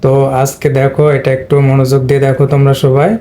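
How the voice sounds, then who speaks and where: A man's voice: medium pitch, completely flat delivery, fast talker, mellow, slight background noise. A man teaching English spelling and pronunciation, explaining step by step and speaking directly to his students. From Bangladesh. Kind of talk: Bengali-language spelling and pronunciation lesson.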